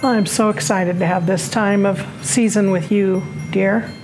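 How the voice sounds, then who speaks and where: A woman plays a fond older Mrs. Claus in an audio drama. She talks slowly in a medium-pitched voice, gentle and amused, like a homey wife. Light music plays behind her. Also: fairly even intonation, lightly acted, rough recording. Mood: affectionate. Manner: gentle, chuckling, unhurried.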